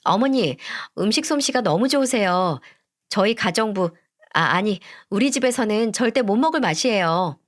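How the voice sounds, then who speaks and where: A woman voicing a snobbish, rude young woman who is a son's fiancée, in a storybook reading, sweet on the surface and sharp underneath. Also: medium pitch, lively intonation, moderate pace, lightly acted. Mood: sugary. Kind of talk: storybook voice acting.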